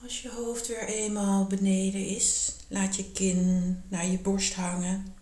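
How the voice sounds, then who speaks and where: A woman guiding a meditation and yoga lesson in a slow, calm, soothing voice, often half-whispering. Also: medium pitch. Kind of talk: guided meditation and yoga instruction. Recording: echoey room.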